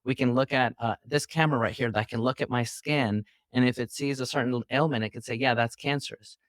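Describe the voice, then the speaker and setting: He's a New York City physician on a video call, giving long, earnest, teacherly explanations of his interview answers from indoors. His mid-range voice holds a steady tone at a fairly quick clip, with studio-quality sound and no room noise.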